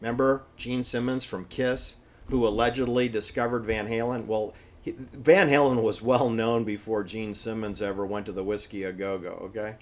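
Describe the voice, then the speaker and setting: A man's voice: on the low side, fairly even intonation, moderate pace. A man with an American accent delivers an opinionated, improvised monologue, making blunt, dismissive assertions and repeating phrases for stress. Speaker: solo commentator.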